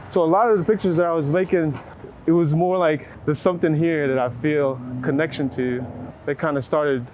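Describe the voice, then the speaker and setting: A slightly high, darkish-toned man from Waco, Texas, speaks casually and reflectively as a photographer being interviewed, feeling his way through ideas and hedging with lots of "like." He's outdoors on a city street, where traffic and street noise come through clearly, with passing vehicles and urban ambience.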